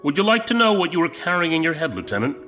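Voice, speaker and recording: An actor playing a commanding older admiral in an audio drama, measured and conspiratorial, with music behind. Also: male voice, on the high side, sing-song, pushed and bright. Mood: stern. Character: stern older male imperial admiral, conspiratorial.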